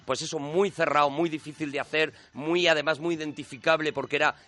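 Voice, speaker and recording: A man's voice: fairly high pitch, fairly even intonation, fairly quick, bright, forceful tone. A man from Spain with a Spanish accent, chatting casually on a radio show and explaining things at length with hesitant fillers. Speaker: film commentator on a comedy radio show.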